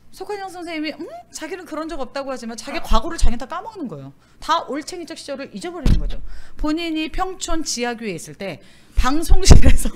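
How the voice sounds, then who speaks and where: A woman speaks to church teachers at a seminar with a rather high voice. Her pitch swings widely as she talks. She keeps asking her listeners questions and acts out quoted voices with feeling. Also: a little hiss or hum. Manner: questions the audience often. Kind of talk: lively seminar talk, sermon-like. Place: church seminar room, in front of an audience.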